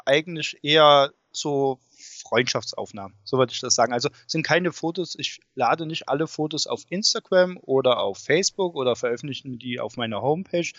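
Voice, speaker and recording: A man's voice: medium pitch, fairly bright tone. A man, an interview guest chatting in an informal, enthusiastic way. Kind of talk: casual chat. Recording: dull, muffled sound with room echo.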